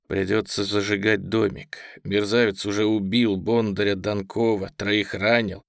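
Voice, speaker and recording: Stern army lieutenant, low, clipped and restrained, read by a male narrator. Dry sound. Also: little pitch movement, unhurried, vocal fry, no room sound.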